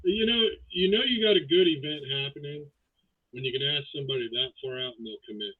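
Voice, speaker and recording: A man's voice: on the high side, fast, breathy edge, no echo. A man hosting a casual chat, his voice muffled and hollow as if talking inside a fishbowl. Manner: loose, joking, swears casually. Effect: muffled, hollow audio like talking inside a fishbowl. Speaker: host. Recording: muffled, tinny phone-like line.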